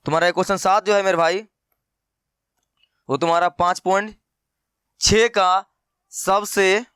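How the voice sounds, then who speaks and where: A man's voice: high voice, steady tone, a little slow, fairly bright tone, clean tone, dry recording, studio quality. A man teaching a math lesson in a playful, teasing way, talking straight to his students. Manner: teasing, acts out students' replies, addresses viewers as brother. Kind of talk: playful classroom lecture.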